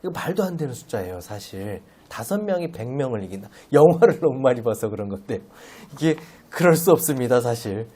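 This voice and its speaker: A man preaching a Sunday sermon as a lay preacher, playful and animated, often asking the congregation rhetorical questions. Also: medium pitch, a little fast. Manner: playful, uses everyday comparisons.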